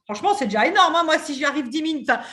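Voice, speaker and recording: Woman host in her thirties, fairly high voice, lively casual chat, swears freely. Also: rapid-fire. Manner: animated, swears casually, many fillers. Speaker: podcast host and coach.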